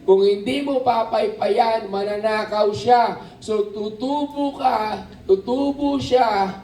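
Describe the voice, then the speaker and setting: A man preaching a lively sermon at a camp, asking the crowd questions and calling for amens. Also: high-pitched, slow. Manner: animated, asks the crowd questions, calls for amens. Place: outdoor camp. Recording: roomy, distant outdoor sermon recording with faint ambience.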